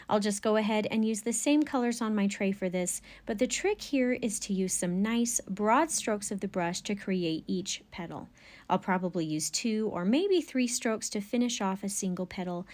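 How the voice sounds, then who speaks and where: A woman with a mid-pitched voice gives painting instruction in a gentle, encouraging manner. She narrates each step in an orderly, tutorial style, like a teacher guiding beginners.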